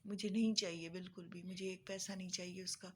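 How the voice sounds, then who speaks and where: A woman's voice: fairly low pitch, flat delivery, a little hiss or hum. A woman vlogger, talking tearfully to her viewers in an earnest, pleading way and repeating phrases for emphasis. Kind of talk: emotional monologue to viewers.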